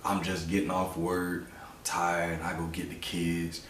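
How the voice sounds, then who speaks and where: A man's voice: low voice, monotone, unhurried, fairly bright tone, a little hiss or hum. A man hosting a podcast, talking in a loose, reflective way with lots of "you know". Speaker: podcast host. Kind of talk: casual conversational interview. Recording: roomy sound from a distant mic.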